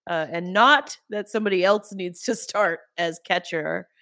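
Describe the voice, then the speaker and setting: A woman's voice: lowish voice, moderate pace, bright, forceful tone, dry recording, clean studio sound. A woman hosting a casual recap chat, playful and teasing. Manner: playful, teasing, calls people honey. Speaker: podcast host.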